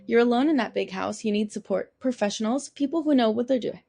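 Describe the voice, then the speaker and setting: A woman's voice: a little high, fast, vocal fry, warm tone. A woman voicing a calculating, patronizing young man on a phone call in a story reading. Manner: patronizing, coolly persuasive.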